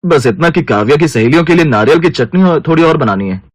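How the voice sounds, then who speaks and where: A man's voice: on the high side, expressive, quick pace, no echo, clean studio sound. A man voicing a mild, polite young husband and other men of the family.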